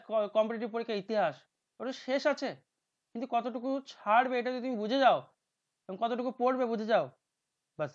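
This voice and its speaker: A man with a Bengali accent teaching an exam-prep lesson. He reads English answer options aloud slowly and often trails off into low asides. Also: no room sound. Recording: dull dry lo-fi recording.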